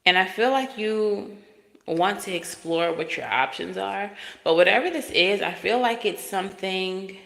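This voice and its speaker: A woman giving a relaxed, chatty tarot reading to viewers, her voice run through a digital echo effect on her microphone. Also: medium pitch, a little slow, gravelly. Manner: relaxed, chatty, with frequent fillers. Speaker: tarot card reader. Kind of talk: casual spoken reading to viewers. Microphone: microphone with added echo effect. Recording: echo-effect mic with long reverb.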